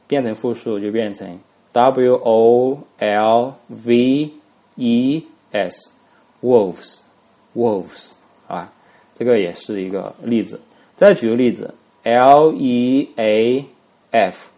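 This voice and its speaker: A man's voice: medium pitch, dark tone. A man teaching an English grammar lesson, who spells words out letter by letter, says each word twice and keeps asking his students rhetorical questions. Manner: asks students rhetorical questions, many fillers.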